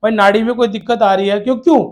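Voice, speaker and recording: Man, very high voice, teacher, exam coaching for kids, answers his own questions, repeats key words, fatherly. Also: fairly even intonation, very fast. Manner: calls students "beta" in a fatherly way. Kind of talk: exam-prep lesson for children.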